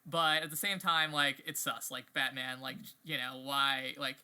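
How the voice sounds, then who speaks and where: A man's voice: mid-range voice, steady tone, unhurried, sharp tone, clean tone. A man co-hosting a podcast, chatting casually in a rambling, wry way full of fillers. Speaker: podcast co-host. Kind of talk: casual chat.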